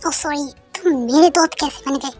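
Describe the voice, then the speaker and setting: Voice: high voice, moderate pace, soft background music, close to an everyday voice. A young voice doing a fiery, scolding young woman. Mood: sulky. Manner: scolding, sharp retorts. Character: fiery young woman, short-tempered and stubborn.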